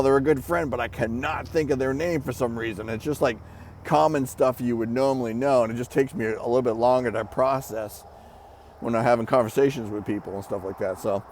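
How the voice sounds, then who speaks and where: A man's voice: mid-range voice, darkish tone. Breathless man giving a casual update. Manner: halting, pausing between short phrases. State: out of breath, short shallow breathing. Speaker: vlogger giving a personal health update. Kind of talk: casual, rambling personal update to camera. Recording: outdoor background noise with passing traffic. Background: birds, traffic and motorcycles.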